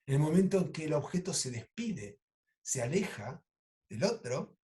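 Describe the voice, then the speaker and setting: A man with an Argentine Spanish accent, a psychoanalyst lecturing over a video call and telling clinical cases in a lively, animated way. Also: a little high, normal speed. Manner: animated storytelling, acts out quoted lines. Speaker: psychoanalyst teaching an online course.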